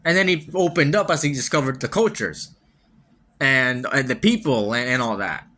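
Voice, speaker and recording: A podcast host reviews a game alone in a mid-range voice, pushed and bright, at a normal speed. He talks casually and rambles, restarting often, swearing offhandedly, and laughing wryly between points.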